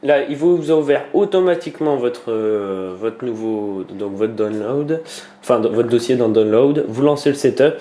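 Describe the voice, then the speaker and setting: A man's voice: medium pitch, normal speed, warm tone. A man talking through a computer tutorial as he works on screen, hesitant and full of fillers and restarts. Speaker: tutorial maker. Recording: echoey room with faint noise.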